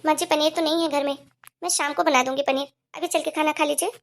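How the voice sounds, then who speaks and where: A woman's voice: sits high, fairly even intonation, fast, creaky. A woman voicing a patient, hurt young wife. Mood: calm. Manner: pleading, earnest explaining.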